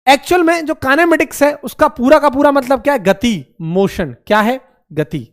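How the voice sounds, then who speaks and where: Guy teaching physics, high voice, keeps repeating stuff, quizzes then answers himself. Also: animated, moderate pace. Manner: repetitive, calls students beta and mere bhai; asks questions and answers them himself. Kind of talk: classroom lecture.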